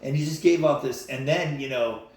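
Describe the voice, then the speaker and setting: A man from the United States talking in a casual, rambling monologue full of fillers and restarts, with a gravelly voice. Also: medium pitch, normal speed, a little mellow. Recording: very echoey with faint noise.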